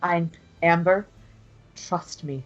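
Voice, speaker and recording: Low-voiced woman, slightly muffled. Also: slow. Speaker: player. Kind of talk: in-character tabletop role-play. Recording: muffled sound with music behind. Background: music.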